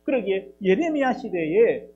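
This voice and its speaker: A man's voice: high voice, very animated, moderate pace, highs cut off, slight background noise. A man preaching a sermon as pastor, acting out dialogue and asking rhetorical questions. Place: church.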